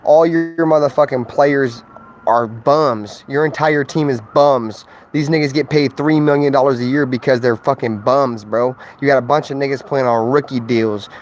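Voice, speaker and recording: This sports livestreamer speaks in a steady mid-range voice at a moderate clip, trash-talking casually with profanity and heavy slang. His rambling is packed with fillers, and faint hiss or hum sits under the recording.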